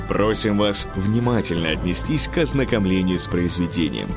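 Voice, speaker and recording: A man reading a formal, measured project announcement. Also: on the low side. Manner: measured, official. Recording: voice over music.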